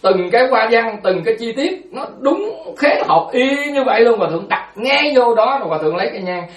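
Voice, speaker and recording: A Buddhist monk giving a storytelling dharma talk. He speaks in an animated way, repeats words and acts out quotes. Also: extremely high pitch, fairly quick, echoey room, distant mic.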